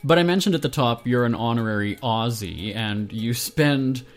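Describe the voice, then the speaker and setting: Teasing radio host, male. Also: medium pitch. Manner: joking, teasing, quick questions. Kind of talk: interview hosting.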